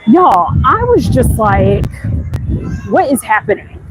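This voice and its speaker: Taking it slowly, with big pitch swings in a slightly high voice, an American woman talks directly to her livestream viewers in a casual, chatty way. She's walking outdoors through a busy theme park, and its ambient noise runs underneath.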